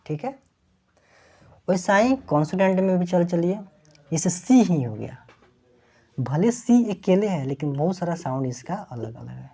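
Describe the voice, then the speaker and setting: A woman's voice: fairly low pitch, animated, measured pace, long pauses, warm tone, husky. A woman teaching an English lesson, explaining letter sounds and asking her students questions, then repeating each answer.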